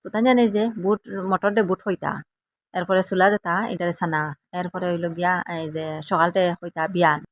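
A woman's voice: fairly low pitch, steady tone, brisk, a little hiss or hum. A woman from Assam with a Sylheti accent, chatting to viewers in a casual cooking vlog in a rambling, chatty way. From Assam, India. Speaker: vlogger.

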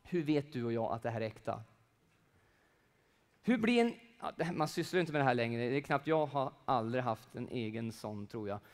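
A middle-aged man preaching a sermon, swinging from loud emphatic peaks to hushed, near-whispered passages, with casual asides and everyday examples. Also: mid-range voice, expressive.

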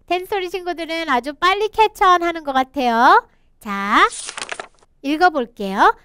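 Woman, children's English teacher, slow bouncy delivery, dry close mic. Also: extremely high pitch, expressive, bright, forceful tone, no echo. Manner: slow, encouraging, sing-song reading with laughs. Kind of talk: children's picture book English lesson.

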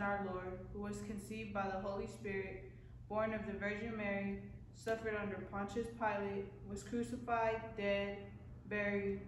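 Young woman liturgist reading prayers steady and formal, super echoey church, some hiss. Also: mid-range voice. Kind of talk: reciting liturgy. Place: church sanctuary. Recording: very echoey room with background hiss.

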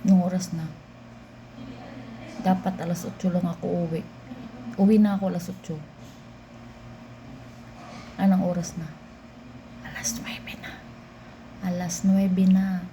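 This woman talks unhurriedly in a fairly low, mellow voice with little pitch movement, pausing often. She's casually vlogging from her work office, talking to herself and frequently laughing, in an echoey room with noise in the background.

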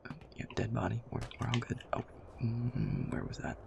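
A young man with a gravelly, mid-range voice chats casually while playing a shooter game, speaking at normal speed with little pitch movement. A gamer and audio creator, he mutters, swears often, and is self-deprecating. The room is noisy, with game controller clicks in the background.

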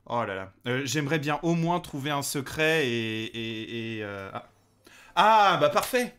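A man's voice: mid-range voice, lively intonation, measured pace, a bit bright, smooth. Man hesitantly musing over a game. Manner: hesitant, many fillers, talks to game characters. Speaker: let's play host. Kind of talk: casual gameplay commentary.

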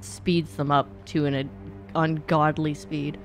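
This young woman, a video game streamer and speedrunner, talks through her thoughts during casual livestream gameplay, swearing freely and staying candid. Her low voice is flat and slow, close to the mic in a small indoor home streaming room, with soft music in the background.

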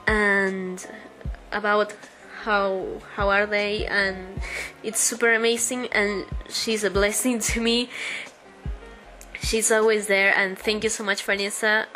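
Answering viewers' questions as she narrates a speedpaint, a young woman from Uruguay speaks at medium pitch with a Spanish accent, her native language being Spanish. She hesitates often with ums and restarts, soft music plays underneath, and the recording is low-quality.

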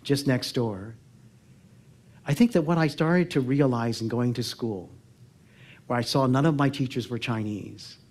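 A public speaker in his sixties, an American from Oakland, California, shares personal stories on a theatre stage to a seated crowd. His middling-pitched voice is earnest and reflective, with pauses and gently softened phrase endings.

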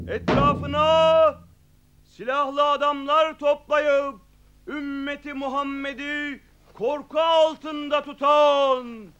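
Very high-pitched town crier. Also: male voice, a bit bright, heavily acted. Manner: slow, declamatory, stretching words in short phrases. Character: village town crier solemnly proclaiming a decree to the crowd. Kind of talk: town crier's loud, drawn-out public proclamation.

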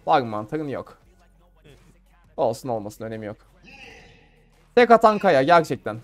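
A man's voice: medium pitch, big pitch swings, moderate pace. A young man from Turkey giving casual, playful commentary on his own gameplay, laughing and talking to viewers. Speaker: gamer streamer.

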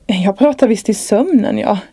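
A woman's voice: mid-range voice, animated, husky, no echo. A woman reading as a weary, mumbling sick mother. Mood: confused. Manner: quiet, mumbling.

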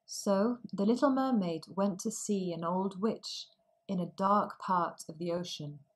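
A woman narrating a fairy tale slowly and clearly for language learners. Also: mid-range voice, poor audio. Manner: slow, clearly articulated. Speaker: storyteller.

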